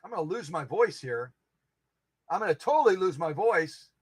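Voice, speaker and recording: Playful, lively man chatting with viewers. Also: sits high, normal speed, husky, dry recording. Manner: playful and animated, repeats himself. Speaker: host of a sewing machine restoration channel. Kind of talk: casual livestream chat, reading out viewer comments.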